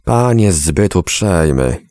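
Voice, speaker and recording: A man's voice: extremely low pitch, huge pitch swings, slow, creaky, a little mellow, no echo, exaggerated voice. A man doing a stern, curt grandmother. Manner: dry, scolding.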